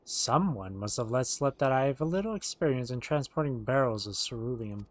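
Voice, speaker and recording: A man streams a game and reads its written dialogue aloud, acting it out as he goes. His medium-pitched voice is animated and a little fast.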